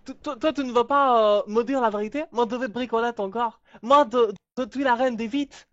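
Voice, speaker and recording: A woman playing a sadistic, taunting female torturer in improvised role-play, halting and foul-mouthed. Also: on the high side, fairly bright tone, dry recording, dull audio, close to an everyday voice. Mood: menacing.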